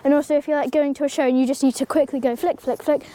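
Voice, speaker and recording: Talking very fast in a high, dark, steady voice, a teenage girl with a slight cold rambles through a casual horse-grooming tutorial. She's in an outdoor stable yard beside a pony, chatting to it and peppering her talk with ums and likes as a horse-care vlogger.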